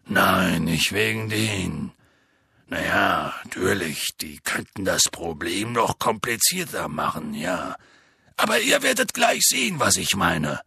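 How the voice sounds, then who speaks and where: A man voicing a gruff, nervous giant gamekeeper in an audiobook, with halting, clipped speech. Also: low-pitched, very animated, pushed and bright, no echo, studio quality, voice pushed down, heavily acted. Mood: evasive. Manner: hesitant, halting. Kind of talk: audiobook character voice.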